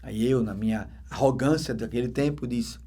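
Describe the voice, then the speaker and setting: A man with a Brazilian Portuguese accent, a deacon giving a dramatic conversion testimony that swings between loud emphatic bursts and hushed soft passages. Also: mid-range voice, normal speed, slightly rough.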